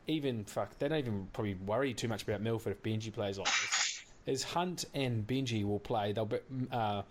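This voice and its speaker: A man's voice: on the low side, fairly quick, heavy background noise. A man giving blunt, sweary opinions as a casual sports co-host. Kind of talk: casual rugby league commentary.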